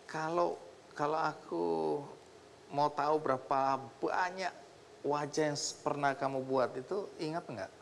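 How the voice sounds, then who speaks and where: A man's voice: a little high, steady tone, unhurried, pauses often, a little hiss or hum. A man hosting a television talk show, asking questions in an encouraging way and often adding "ya" to prompt his guest. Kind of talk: interview questions.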